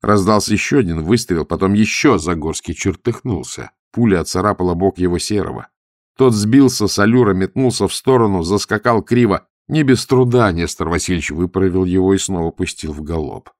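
A man narrating an adventure audiobook with vivid, expressive storytelling. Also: deep voice, fairly quick, no room sound, studio quality.

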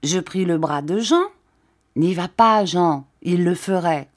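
A woman reading an audiobook and voicing a tired, coughing middle-aged Corsican man who speaks in a flat, placid monotone. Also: lowish voice, slow. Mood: grim.

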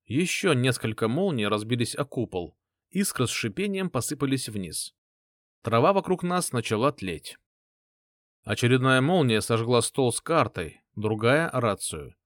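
Expressive male audiobook narrator. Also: medium pitch, moderate pace, no echo, clean studio sound. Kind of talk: first-person audiobook narration.

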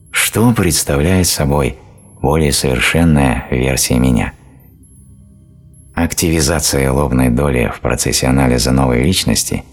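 Very deep-voiced man reading an audiobook. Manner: steady explanatory reading. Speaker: audiobook narrator. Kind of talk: scripted narration.

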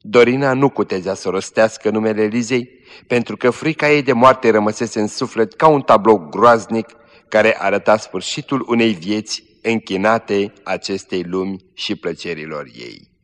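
A man preaching, reading a moral story aloud in a measured, earnest way. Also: fairly low pitch. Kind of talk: sermon with read-aloud story. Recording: echoey hall.

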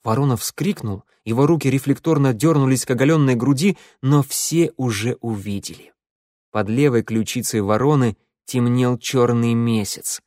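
A man narrating an audiobook in a steady, expressive way. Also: mid-range voice, moderate pace, no room sound, clean studio sound.

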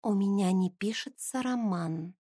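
A woman voicing a playful pregnant young sister who writes novels, speaking softly and teasingly. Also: a little high, sing-song, slow, no echo, clean studio sound, pitched above the performer's own voice, exaggerated voice. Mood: indignant. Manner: soft, hushed, teasing.

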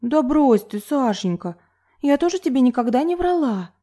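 A woman's voice: mid-range voice, normal speed, mellow, lightly acted. A woman reading an audiobook, voicing a brash, gossipy young woman who mocks and then pleads nervously. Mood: nervous pleading.

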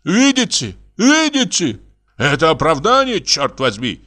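A man voicing an excitable, indignant painter who shouts at his wife. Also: a little high, unhurried, pitched above the performer's own voice, heavily acted. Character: hot-tempered painter husband, shouting and indignant.

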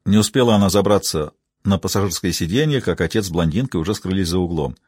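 A man narrating a crime novel in an expressive reading voice. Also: deep voice, quick pace, breathy edge, no echo, studio quality. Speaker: audiobook narrator. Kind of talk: scripted narration.

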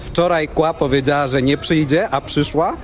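A man's voice: a little high, normal speed, a crowd in the background. Man explaining language tones. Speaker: interviewee.

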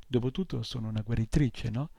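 Gruff old gnome healer woman, brusque and scolding, gravelly and husky, read by a man. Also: mid-range voice, fairly quick, dark tone, no room sound.

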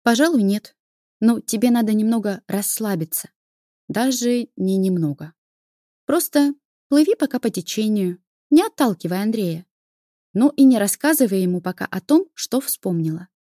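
A woman's voice: medium pitch, expressive, normal speed, mellow, no room sound, studio quality, natural voice. A woman reading the part of a cheerful adult sister who mocks and teases in a playful way. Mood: reassuring. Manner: playful, mocking.

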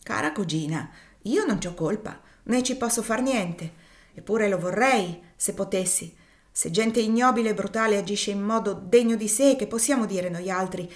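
A woman voicing a worldly, jovial gentleman in a read-aloud novel, reasoning calmly and with irony. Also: mid-range voice, moderate pace, natural voice. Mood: resigned.

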